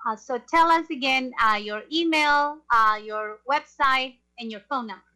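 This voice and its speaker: A woman speaks as the host of an interview show. Her voice is high and distinctly bright, with a forceful edge. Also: a little slow. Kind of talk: interview hosting.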